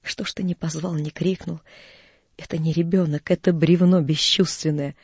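A man's voice: a little high, moderate pace, darkish tone, husky, no echo. A man voicing a frantic peasant mother. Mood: bitter. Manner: agitated, pleading questions. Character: anguished young peasant mother.

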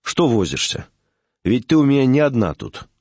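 A man's voice: medium pitch, big pitch swings, slow pace, breathy edge, no room sound, full character voice. A man reading the part of an impatient country doctor who scolds and mocks his patients. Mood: gruff. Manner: mocking, scolding. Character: gruff rural male doctor, impatient and scolding.

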